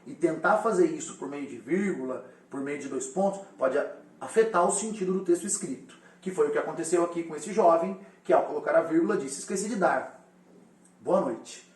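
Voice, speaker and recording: A man's voice: a little high, brisk, a little mellow, reverberant, distant mic. A male teacher explaining a lesson directly to his students. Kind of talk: recorded lesson.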